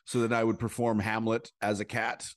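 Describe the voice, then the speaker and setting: Low-voiced chatty male comedian. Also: flat delivery, dry recording. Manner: rambling storyteller with quick asides and voice impressions. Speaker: podcast guest, stand-up comedian. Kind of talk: casual conversation.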